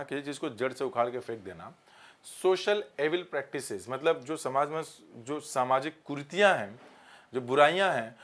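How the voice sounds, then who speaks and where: A Hindi-speaking man with a medium-pitched, fairly bright voice teaches an exam-prep grammar lesson. He combines Hindi and English when explaining and reads examples slowly.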